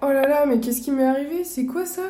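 Woman as wary young adventurer, fairly high voice. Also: fast, mellow, slight background noise, close to an everyday voice. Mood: bewildered. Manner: colloquial, hesitant, reactive. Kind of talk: casual interactive audio drama.

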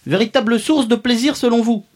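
A man's voice: very high voice, steady tone, fairly quick. A man doing a pompous mocking columnist. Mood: smug, mocking. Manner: mock-pompous, sardonic, chuckling at own jokes. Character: pompous male columnist character roasting a guest. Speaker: podcast columnist. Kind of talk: comic podcast chronicle.

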